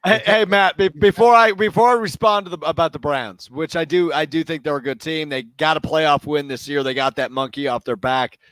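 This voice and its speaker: A man's voice: fairly high pitch, fairly even intonation, a little fast, few pauses, fairly bright tone, no echo. A man co-hosting a casual live draft stream over a remote call, teasing the others and making the graphics. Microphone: remote call mic.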